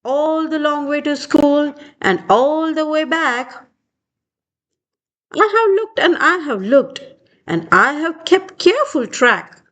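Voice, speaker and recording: With a high voice, a woman gives an expressive storytelling reading of a children's picture book.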